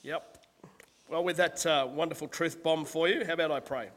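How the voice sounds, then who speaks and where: Husky-voiced pastor, hall reverb. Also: male voice, fairly high pitch, steady tone, moderate pace, fairly bright tone. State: husky from a cold. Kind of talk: sermon.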